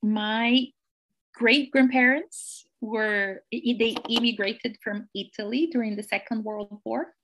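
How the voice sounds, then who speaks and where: A woman's voice: on the high side, steady tone, takes it slowly, background noise. Brazilian woman telling her life story. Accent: Brazilian Portuguese. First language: Portuguese. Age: 40s. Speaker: executive coach, podcast guest.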